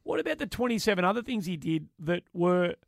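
A man's voice: sits high, big pitch swings, a little fast, gravelly, no echo, clean studio sound. A man with a broad Australian accent debating football casually and emphatically, repeating phrases to drive his point home. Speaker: sports podcast panellist.

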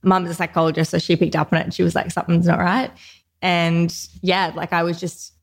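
A brisk Australian woman with a fairly low voice and little pitch movement is a podcast guest. In this casual conversational interview she talks openly and chattily about her life, dropping in "like" often.

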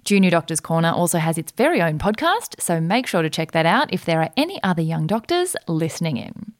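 A woman's voice: on the low side, big pitch swings, fairly quick, no room sound, studio quality. Enthusiastic woman hosting a podcast. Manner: enthusiastic, laughs often. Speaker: podcast host. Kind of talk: podcast interview.

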